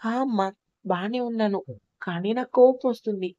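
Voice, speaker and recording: A woman's voice: a little high, normal speed, no room sound, close to an everyday voice. A woman reading as an indignant young bride. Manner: sharp, indignant complaining. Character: young newlywed woman, tearful and angry. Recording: slightly dull lo-fi recording.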